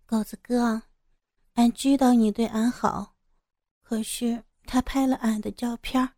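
A gentle young village girl, as a woman storyteller puts her on, speaks high and slow in a mellow tone. Her soft, hesitant delivery suits an audio storybook. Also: no room sound, clean studio sound. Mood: tearful.

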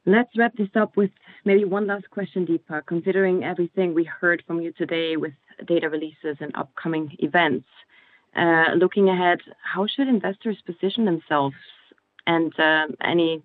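A man's voice: fairly high pitch, normal speed, no room sound. A man hosting an interview podcast in a polite, formal way. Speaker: podcast host. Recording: dry but phone-like narrow sound.

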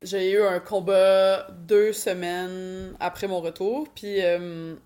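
A woman's voice: mid-range voice, flat delivery, slow pace, warm tone. A woman with a Quebec French accent giving casual interview answers, informal and sprinkled with English words. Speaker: Muay Thai fighter and coach.

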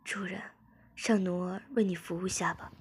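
A woman voicing an eager, playful and submissive young woman, speaking softly and coaxingly with a breathy, husky tone. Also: fairly low pitch, fairly even intonation, moderate pace, slight background noise, close to an everyday voice.

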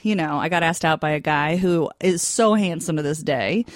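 A woman with a somewhat low voice talks casually as a guest, spinning personal stories full of fillers and quick laughs. The sound is dry and close. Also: no echo. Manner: storytelling with frequent laughs and fillers. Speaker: podcast guest. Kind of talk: casual chat.

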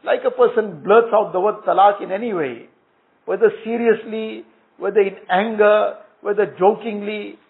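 A man's voice: high-pitched, steady tone, moderate pace, creaky. A man giving an earnest storytelling sermon, with Arabic phrases woven into his talk. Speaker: Islamic preacher. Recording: tinny phone-like sound.

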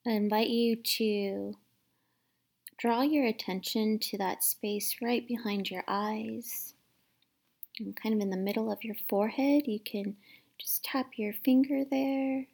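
A woman leading a guided meditation in a soft, soothing, unhurried manner, with long pauses between instructions. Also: fairly high pitch, fairly even intonation, vocal fry. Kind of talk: guided meditation, instructing listeners to relax and breathe.

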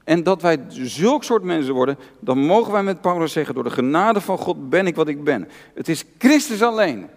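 A man's voice: fairly high pitch, expressive, normal speed, hardly any pauses. A male pastor preaching an earnest, personal sermon, repeating key phrases for emphasis. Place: church hall. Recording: long church reverb.

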